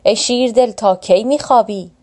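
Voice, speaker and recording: A woman's voice: fairly high pitch, dark tone, natural voice. A woman reading the lines of an aging, weary male hero in a storybook tale, in a sober, resigned way. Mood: grave.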